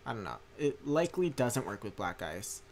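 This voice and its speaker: A young man, a streamer who also makes mods, is tired from a long day as he plays a strategy game live and reads chat. His talk rambles with fillers and restarts; the mid-range voice is sing-song at normal speed, with a little hiss or hum.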